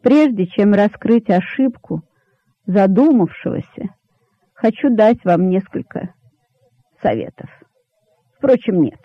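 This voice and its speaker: A grandiose old rabbit king holds court in a storybook, sly and stately as he orates, voiced by a man reading aloud. The voice sits fairly high. The recording is dry and slightly muffled. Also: animated, takes it slowly, pauses often, dry recording, full character voice. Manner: sly orator, stately speechifying. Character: elderly rabbit king, crafty and pompous, male.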